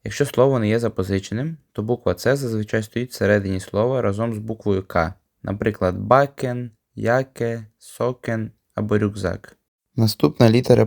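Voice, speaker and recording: A man teaching a language lesson on video, explaining calmly and patiently. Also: on the low side, creaky, dry recording, clean studio sound.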